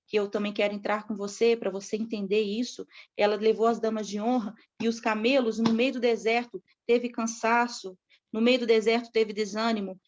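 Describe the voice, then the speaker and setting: A woman preaching a sermon to other women with a fervent, repetitive cadence. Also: on the high side. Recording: dull lo-fi recording.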